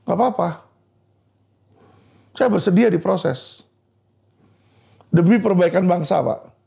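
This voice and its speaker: Heated gravelly lawyer. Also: male voice, high-pitched, slow, dark tone. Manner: heated, repeatedly addressing "Pak" directly. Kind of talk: impassioned legal commentary video.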